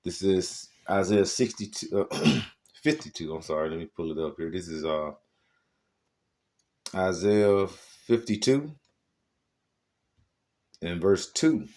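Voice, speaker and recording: Deep-voiced man preaching with emphasis. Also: expressive, takes it slowly, long pauses, a little mellow. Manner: preachy, emphatic, punctuated with "all right"; stumbling, with many "uh" fillers. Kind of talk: scripture-reading sermon.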